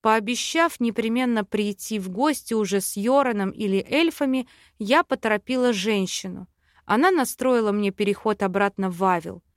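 A woman reading a fantasy audiobook in smooth, even first-person storytelling. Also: mid-range voice, moderate pace, no echo, clean studio sound. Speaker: audiobook narrator. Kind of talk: scripted narration.

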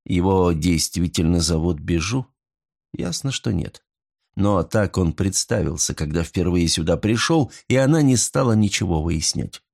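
A man narrates a story in a calm, measured read. His voice is low-pitched yet expressive, moving freely up and down. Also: gravelly. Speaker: audiobook narrator. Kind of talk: scripted narration.

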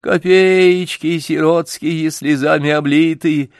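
A man's voice: a little high, steady tone, slow pace, no echo, studio quality, voice pushed up. A man reading an audiobook voices an old village woman who mumbles and laments bitterly. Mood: grumbling.

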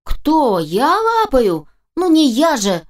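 A woman's voice: high-pitched, wildly swooping pitch, slow pace, voice pushed up, exaggerated voice. A woman voicing a grumpy bearded male kidnapper who grumbles and bickers in an audiobook. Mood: grumbling.

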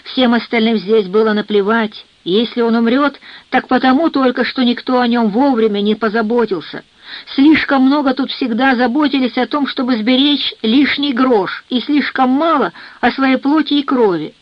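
A woman voicing an eager, excitable young sailor who talks with enthusiasm, in a dull, dry recording. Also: fairly high pitch, normal speed, no echo, natural voice. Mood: agitated.

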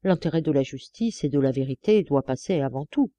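A woman reading the part of a stern middle-aged male investigating judge, grave and deliberate. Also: extremely low pitch, expressive, mellow, dry recording.

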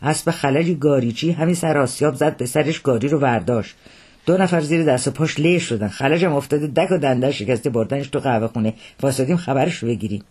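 Sarcastic onlooker, man reading, husky, brisk. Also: mid-range voice, a little mellow, close to an everyday voice. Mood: mocking. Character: sarcastic male street onlooker.

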